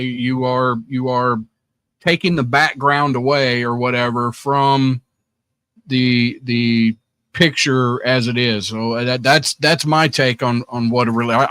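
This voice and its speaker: A man's voice: mid-range voice, fairly bright tone, no echo. A man hosting a live stream, rambling and joking casually, inviting viewers to call in. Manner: rambling, jokey, self-deprecating. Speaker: host.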